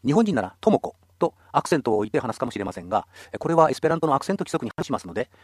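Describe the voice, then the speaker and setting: A man's voice: mid-range voice, very animated, racing, slightly rough, no echo, studio quality. A man teaching a radio language lesson, explaining patiently and encouraging listeners.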